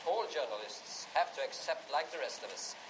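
A man playing a measured, self-justifying financier making a formal public statement in a film. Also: mid-range voice, animated, natural voice. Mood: formal, righteous. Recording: clear traffic and ambient noise.

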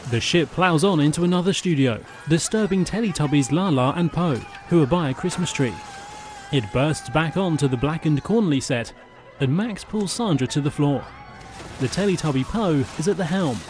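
Male audio describer, scripted narration, matter-of-fact, present tense, somewhat high-pitched. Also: lively intonation, moderate pace, music in the background.

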